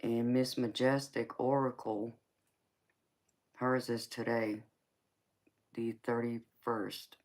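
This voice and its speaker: A tarot reader in her forties hosts a live stream, chatting casually with viewers and calling them baby, honey and sweetheart. Her voice is a rumbling low with a darkish tone and little pitch movement. She takes it slowly, leaving long pauses.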